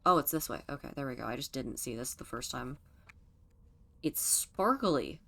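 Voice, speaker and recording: Low-voiced woman streamer thinking aloud. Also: fast talker, vocal fry, fairly bright tone. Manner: talks to chat while playing, thinking aloud, swearing. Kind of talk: casual let's-play commentary.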